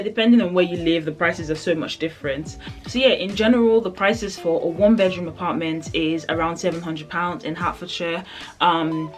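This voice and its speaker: Young woman vlogger, deep voice, loose rambling chat, soft music behind. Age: young adult. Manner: rambling, filler-heavy storytelling. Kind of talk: casual chat.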